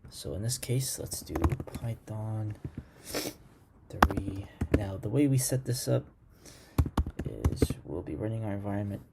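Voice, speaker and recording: A man's voice: fairly low pitch, measured pace, creaky, long pauses, very noisy. A man teaching a coding lesson over his screen, thinking aloud and muttering commands as he types. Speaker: programming instructor. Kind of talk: screen-recorded coding tutorial.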